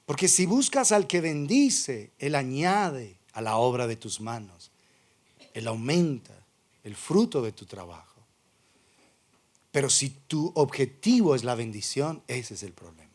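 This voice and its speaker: A man's voice: mid-range voice, sing-song, unhurried, a little mellow. A man preaching a sermon as pastor, firing rhetorical questions and acting out imagined excuses. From Colombia.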